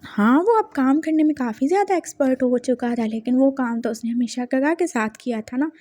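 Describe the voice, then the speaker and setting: Woman storyteller, high pitched, mellow tone, chatty expressive retelling. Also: fairly quick, dry recording. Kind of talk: casual story narration.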